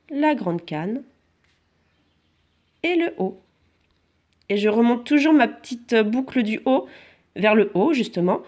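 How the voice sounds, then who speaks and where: A woman teaches young children to write joined letters. She talks them through each stroke slowly and patiently. She praises their answers warmly. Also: medium pitch. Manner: slow, patient step-by-step instruction with praise. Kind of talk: handwriting lesson for children. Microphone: camera held close to the writing.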